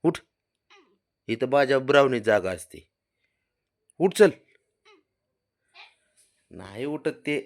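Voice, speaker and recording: A man's voice: mid-range voice, expressive, a little slow, vocal fry, pauses often. A man speaking, chatting casually and teasingly to his pet cat, coaxing it and often raising his voice. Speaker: pet owner.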